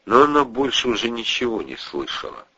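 A man's voice: mid-range voice, sing-song, a little fast, pushed and bright, husky. A man narrating an audiobook expressively, doing voices for the characters, on a muffled lo-fi recording.

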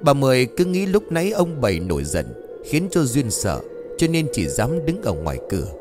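A man narrating a ghost story with dramatic, expressive telling. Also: mid-range voice, moderate pace. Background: faint music.

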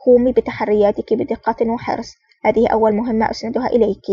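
A woman reading the lines of a stern, terse male secret agent in a curt, commanding manner, in a fast, flat reading voice. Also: on the high side, husky, dry recording. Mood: serious. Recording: dull, distant, dry recording.

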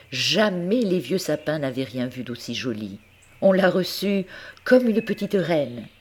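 A woman reading a classic story aloud, gentle and expressive, speaking to the listener. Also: very deep voice, slightly rough. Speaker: audiobook reader. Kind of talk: storytelling narration.

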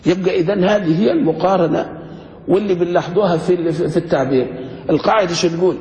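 A man, teaching a grammar lesson and quizzing his students, slowing down to spell out each example. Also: sits high, a little mellow. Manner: asks students questions, slows to spell out examples. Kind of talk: classroom lesson. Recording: dull lo-fi recording with long reverb.

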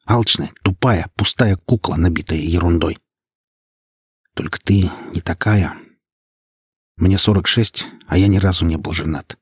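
Man doing gangster boss in his forties, flat and menacing, deep husky voice, dry. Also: no echo. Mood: bitter. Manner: flat, slow, contemptuous. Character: cold, menacing 46-year-old gangster boss.

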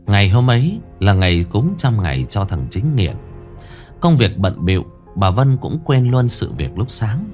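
A man with a low voice narrates a scripted horror tale, his pitch rising and falling dramatically as he dwells on the grim details. Faint music plays behind him. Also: big pitch swings, moderate pace, a little mellow. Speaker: storyteller.

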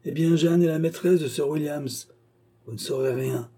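A man's voice: fairly high pitch, normal speed, mellow, slightly rough, pitched above the performer's own voice. A man voicing a mortally wounded male villain in an audiobook, sneering with hatred and fierce glee. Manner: sneering, mocking with hate.

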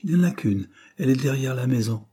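A man's voice: mid-range voice, expressive, fast, dark tone, slightly rough, voice pushed up. A man reading aloud voices a timid, polite young mother renting out rooms in a storybook. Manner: anxious, polite, eager to please.

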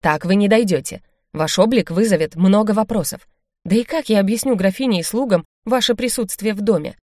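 A woman's voice: medium pitch, a little fast, a little mellow, no echo, clean studio sound, close to an everyday voice. A woman reading the lines of a stern, scheming male baron in an audiobook, firm and commanding.

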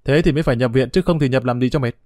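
A man's voice: mid-range voice, rapid-fire, darkish tone, close to an everyday voice. A man voicing a cold, bossy woman nurse giving curt orders. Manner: curt commands.

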